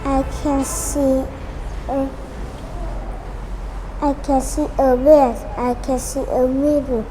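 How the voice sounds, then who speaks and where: A woman answering simple questions in beginner English, halting and repeating each sentence pattern. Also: sits high, level tone, mellow, poor audio. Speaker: English student. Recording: background noise.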